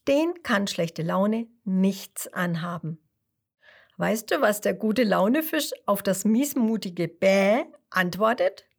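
A woman's voice: mid-range voice, gravelly. A woman telling a children's story in a soothing voice, speaking straight to her young listeners and at times dropping to a whisper. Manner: slow, soothing, addresses listeners directly, sometimes drops to a whisper. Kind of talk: children's bedtime story narration.

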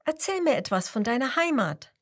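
A woman's voice: sits high, big pitch swings, normal speed, voice pushed up. A woman voicing a curious English squirrel. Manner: curious, eager questions. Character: curious young squirrel from England.

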